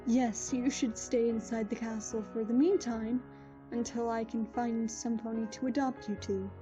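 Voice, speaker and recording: A woman voicing a gentle, motherly pony princess who speaks calmly and patiently. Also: a little high, normal speed, over music, close to an everyday voice, rough recording. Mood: kind. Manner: calm, patient and kind.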